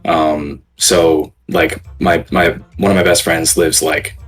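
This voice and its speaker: A man with a deep singer's voice tells a casual anecdote in a low-key, hedging way, as a guest on a voice call. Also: level tone, slow, a bit bright, faint music behind. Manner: low-key, hedging storyteller with frequent check-ins. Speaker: call-in guest on a live show. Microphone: voice call on Discord.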